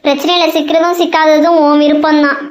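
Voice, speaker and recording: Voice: high voice, little pitch movement, fast, close to an everyday voice. Someone voicing a bossy female spirit in a cartoon who scolds and warns in a lecturing way, with a Tamil accent. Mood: scolding. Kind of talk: cartoon voice acting. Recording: roomy, dull lo-fi sound.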